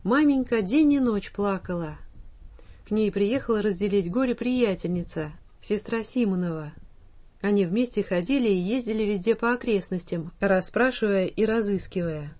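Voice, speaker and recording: A woman narrating a children's storybook, reading slowly and in a measured way. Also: mid-range voice, a little mellow. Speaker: audiobook narrator.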